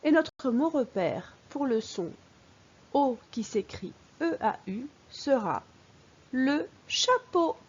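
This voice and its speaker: Woman, primary teacher, very slow, patient, husky edge, dull recording. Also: on the high side, sing-song, dark tone. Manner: patient, sounding out syllables clearly. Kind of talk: slow reading lesson for young children.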